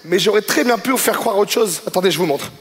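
A male stand-up comedian, telling self-mocking stories in an animated way. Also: sits high, quick pace, soft background music. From Quebec, Canada. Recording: noisy live club.

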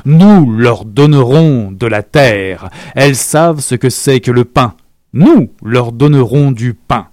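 A man reading aloud, voicing a theatrical male revolutionary leader who declaims with passion and rises to loud peaks. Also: mid-range voice, animated, measured pace, no room sound, clean studio sound, close to an everyday voice. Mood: rousing.

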